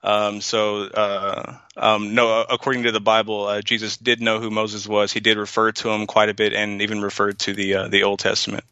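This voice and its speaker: A man co-hosting a livestream, explaining points in a measured way with many fillers and pauses, over muffled audio. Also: fairly low pitch, level tone, bright, forceful tone, smooth, dry recording. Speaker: co-host. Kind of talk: casual livestream debate chat.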